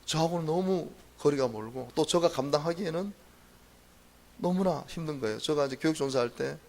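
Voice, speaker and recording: A middle-aged man preaching at a dawn prayer service, telling his own story in an earnest, animated way with emphatic repeats. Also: on the high side, a little fast, gravelly. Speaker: pastor. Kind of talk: dawn prayer sermon testimony.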